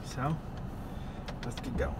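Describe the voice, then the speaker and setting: A man talking casually to his viewers while driving, rambling and pausing with many fillers, recorded on a phone on the dashboard inside a moving car. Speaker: YouTuber. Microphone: phone mounted on the dashboard. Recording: loud road noise in a car.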